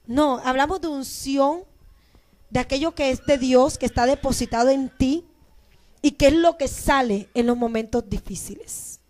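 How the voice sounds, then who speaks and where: High-voiced woman preaching a sermon. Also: moderate pace. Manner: emotional preaching, swings between loud proclaiming and soft storytelling. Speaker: pastor and teacher.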